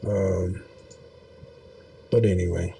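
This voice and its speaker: A man's voice: sits low, steady tone, slow, vocal fry, mellow, a little hiss or hum. A man giving casual, rambling video commentary in a folksy, meandering way, with many fillers. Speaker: video host.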